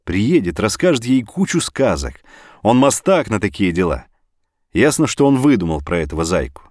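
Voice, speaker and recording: A man narrating an audiobook story in an expressive, animated reading. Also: on the low side, normal speed, no room sound, studio quality.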